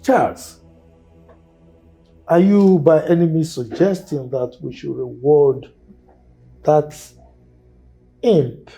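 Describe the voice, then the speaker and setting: A man's voice: fairly high pitch, takes it slowly, creaky, long pauses, warm tone, faint music behind, rough recording. An actor with a Nigerian accent playing a stern king and father in a film drama, speaking with commanding authority. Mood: challenging.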